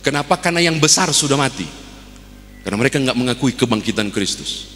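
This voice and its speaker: Manado-accented pastor preaching in a hall. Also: male voice, medium pitch, animated, fast talker, a bit bright, soft background music. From Manado, Indonesia. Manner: storytelling preacher acting out a joke. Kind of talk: sermon.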